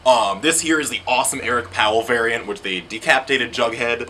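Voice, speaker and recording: A man co-hosting a comic book show, pitching new releases in a playful, upbeat, casual way. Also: brisk, sharp tone. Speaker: comic shop show co-host.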